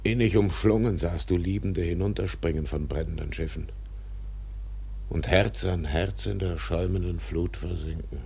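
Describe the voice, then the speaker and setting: Brooding, gravelly, tyrannical old sea captain Ahab. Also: male voice, low voice, moderate pace, a little mellow, exaggerated voice. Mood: brooding, solemn. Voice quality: gravelly, husky. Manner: declamatory, commanding, grandiose. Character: brooding, tyrannical older whaling captain, obsessed and defiant. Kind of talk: literary radio drama acting.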